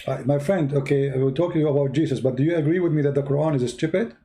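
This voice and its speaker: A man hosts a call-in show, pressing the caller with the same questions again and again. His voice sits fairly high but sounds warm and mellow. There is a faint noise floor under the recording. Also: very fast. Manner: pushy, repeats questions. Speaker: host. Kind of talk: live call-in debate.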